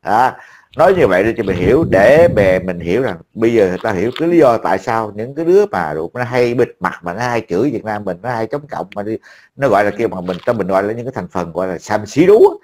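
A man's voice: lowish voice, expressive, fast talker, a little mellow. A man, talking casually to a friend as an online commentator, blunt, profane and mocking.

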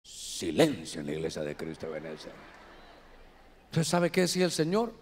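A man with a Honduran accent preaching a sermon to his church, animated, often calling the listeners "hermano". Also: sits low, normal speed, slight background noise. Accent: Honduran Spanish. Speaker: pastor.

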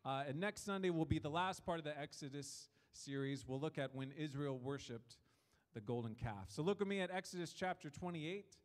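A man's voice: fairly high pitch, expressive, normal speed. A male pastor, preaching a sermon in a conversational, folksy way, with small fillers and restarts. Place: church hall. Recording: hall reverb.

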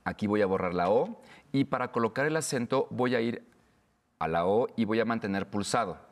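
A man's voice: fairly low pitch, lively intonation, long reverb tail. Patient man explaining step by step. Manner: patient, explains slowly with pauses. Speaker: instructor. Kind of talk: step-by-step tech tutorial.

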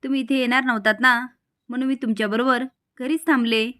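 A woman's voice: a little high, fairly even intonation, fast talker, sharp tone, dry recording, clean studio sound, pitched above the performer's own voice. A woman voicing a sly young woman who speaks in a sugary, polite way in a storybook recap. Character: sly sweet-talking young woman, a niece.

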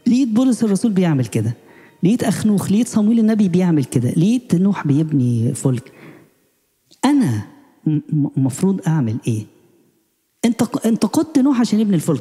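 A man with an Egyptian accent giving a spiritual sermon, asking rapid, pleading questions. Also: sits high, warm tone, long reverb tail. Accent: Egyptian Arabic. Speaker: preacher.

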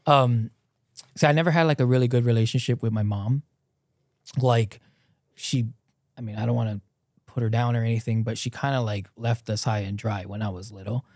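Animated man from Hawaii telling his story. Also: medium pitch, a little fast, pauses often, no echo, studio quality. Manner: loose and animated, lots of "like" fillers, gestures while talking. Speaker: guest. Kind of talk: casual conversational storytelling. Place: small dim studio set with a couch. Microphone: boom-mounted podcast mic close up.

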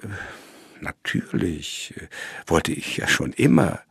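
A nervous male lawyer, voiced by a man reading aloud, stalls and hedges with halting words. His voice sits higher and breathy-husky, with a rasp. The sound is dry and close. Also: sing-song, no echo, heavily acted. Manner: hesitant, nervous. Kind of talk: audiobook reading.

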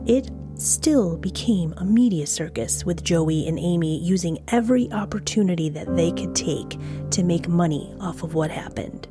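A woman's voice: fairly low pitch, normal speed, over music. A woman hosting a true crime podcast, narrating the case in a conversational storytelling way with casual asides. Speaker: podcast host.

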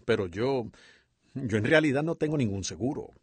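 Man dubbing a sermon, lively pitch, slightly breathy, dry close sound. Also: moderate pace, no echo. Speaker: sermon interpreter. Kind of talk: dubbed voice-over of a sermon.

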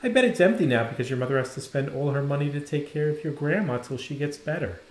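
Thoughtful young girl, quiet and soft-spoken, read by the male narrator; roomy echo. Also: a little high, animated, quick pace, a little hiss or hum, lightly acted. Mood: solemn.

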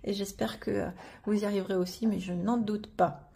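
A woman giving a patient step-by-step piano lesson, naming each note as she plays, with loud piano under her voice. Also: medium pitch, fairly even intonation, a little fast, gravelly. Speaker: piano teacher. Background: piano playing.

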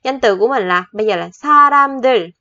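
A woman teaching Korean vocabulary, patiently slowing down to spell out the grammar and pronunciation rules. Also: a little high, animated, sharp tone, highs cut off. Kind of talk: explaining vocabulary lesson.

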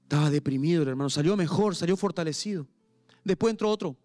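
A pastor with a Paraguayan Spanish accent preaching an impassioned sermon at a church service, swinging between quiet pleading and raised intensity. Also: male voice, on the high side, quick pace, faint music behind.

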